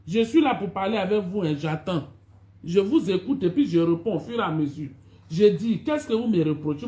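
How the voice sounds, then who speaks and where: A woman's voice: medium pitch, a little mellow. A woman, an actress chatting on a phone live stream, scolding and complaining to her followers and greeting them over and over. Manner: scolding, complaining, repeats greetings and "my dears" to viewers. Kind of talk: casual live-stream chat.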